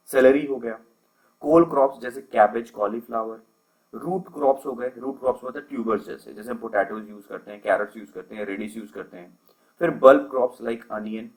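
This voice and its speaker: Man lecturing with steady explanatory pace. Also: mid-range voice, low-quality recording. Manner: explanatory, mixes English terms into Hindi, frequent fillers. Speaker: agriculture lecturer. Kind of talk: recorded lecture over slides.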